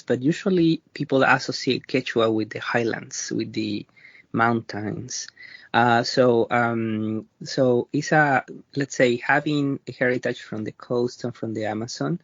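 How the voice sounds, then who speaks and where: A man from Peru with a Peruvian accent, answering interview questions in a thoughtful, halting way, often pausing to rethink his words. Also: medium pitch, no room sound. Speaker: interview guest, researcher. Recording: dry, slightly dull lo-fi sound.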